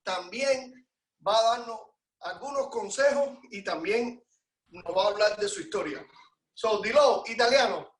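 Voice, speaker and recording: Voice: mid-range voice, normal speed. A host making announcements and introducing a guest in a presenter style, picked up from a distance in an echoey space. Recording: roomy echo, distant mic.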